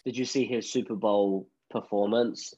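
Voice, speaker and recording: A man's voice: lowish voice, fairly even intonation, moderate pace, warm tone, slightly rough. A young man hosting a podcast, chatting casually with lots of fillers. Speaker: podcast host. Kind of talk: casual interview chat. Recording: slightly dull lo-fi audio.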